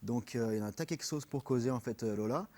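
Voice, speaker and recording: A man with a French accent talks as a radio guest in a studio. He explains things earnestly but haltingly, with plenty of fillers, and slips English words in when he reaches for a term. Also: medium pitch, mellow. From France. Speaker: personal trainer, guest. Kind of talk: radio interview.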